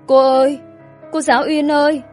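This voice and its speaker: A woman's voice: a little high, normal speed, a little mellow, soft background music, natural voice. A woman voicing a polite, helpful young boy in a spoken story. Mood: polite, calling.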